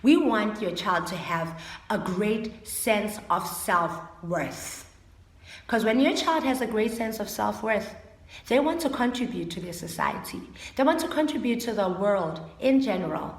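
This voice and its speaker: A woman teacher, speaking to parents in an animated way and acting out children's voices. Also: medium pitch, unhurried, reverberant. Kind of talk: talk to parents about holistic teaching.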